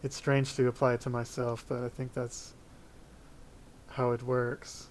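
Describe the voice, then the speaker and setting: A man's voice: medium pitch, flat delivery, unhurried, slight background noise. A man narrating a tabletop fantasy game as game master.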